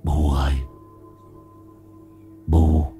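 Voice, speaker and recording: A man voicing the ghost of a young man who speaks through a medium, husky, hushed and stiff. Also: very deep voice, level tone, drawn-out words, soft background music, voice pushed down, exaggerated voice.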